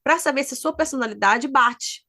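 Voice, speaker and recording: A woman's voice: high voice, moderate pace. A woman, co-hosting a podcast in casual chat, giving advice and steering the topics. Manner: lively, gives advice and leads topics. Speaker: podcast co-host.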